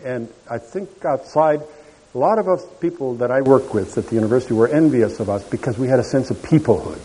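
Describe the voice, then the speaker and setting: Husky man speaking in a reverberant hall. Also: mid-range voice, fairly quick, warm tone. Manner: earnest storytelling, wandering asides. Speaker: speaker at a church gathering. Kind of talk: public talk with stories. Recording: long reverb of a large hall.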